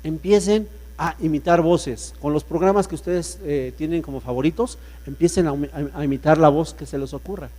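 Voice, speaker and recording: A man's voice: moderate pace, few pauses, warm tone. A man giving a playful public speaking workshop, joking and swinging his voice around to demonstrate. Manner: playful, jokey, swings pitch and volume to demonstrate. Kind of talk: lively workshop lecture with voice demonstrations. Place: workshop room with an audience.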